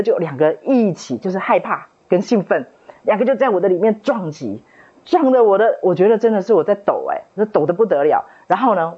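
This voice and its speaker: A woman's voice: on the low side, slightly rough. A middle-aged woman sharing a personal faith testimony at a book club, retelling it dramatically with many fillers. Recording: dull lo-fi recording.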